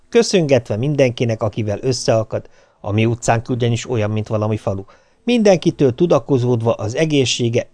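Gravelly man reading an audiobook. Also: medium pitch, dry recording. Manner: wry, lively storytelling. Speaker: audiobook narrator.

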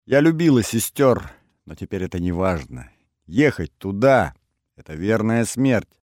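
A man's voice: fairly low pitch, big pitch swings, unhurried, darkish tone, no room sound, studio quality. A man voicing a frightened, tearful young noblewoman who speaks pleading and sobbing, in an audiobook. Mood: tearful, upset.

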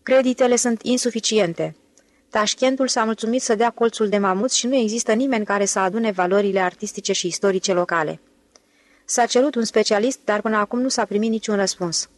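An eager young museum director chatters on about new buildings and institutes, as a woman narrator reads him. His voice sits at a middle pitch and sounds dry and close. He is boastful and keen in an audiobook. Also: dry recording, natural voice. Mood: enthusiastic. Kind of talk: audiobook character voice.

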